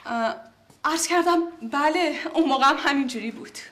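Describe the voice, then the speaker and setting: An actress playing a jealous, sarcastic ex-wife who mutters bitter remarks. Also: female voice, sits high, fairly bright tone.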